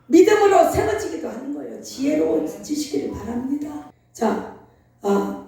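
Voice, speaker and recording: An older woman pastor preaching a sermon, telling a story in an animated, emphatic way. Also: high voice. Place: church sanctuary. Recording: very echoey hall, from far off.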